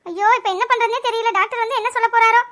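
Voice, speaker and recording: A woman's voice: steady tone, very fast, fairly bright tone. A woman voicing a scolding old village grandmother in a cartoon. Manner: scolding, shrill, teasing. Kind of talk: cartoon voice acting.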